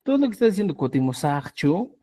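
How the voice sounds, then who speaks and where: A language teacher giving a class, repeating example phrases slowly and checking understanding with frequent "¿ya?". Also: medium pitch, sing-song, warm tone. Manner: spells out example phrases syllable by syllable. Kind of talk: online class lecture.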